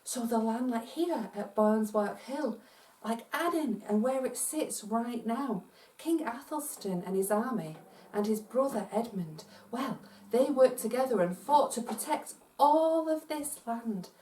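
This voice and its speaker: A woman's voice: fairly high pitch, measured pace, far from the mic, a little hiss or hum. A woman from Scotland leading an interactive, multi-sensory story for children, speaking directly to listeners at home and encouraging them to join in. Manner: animated, encouraging, talks straight to listeners at home. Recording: roomy echo, voice from off-mic.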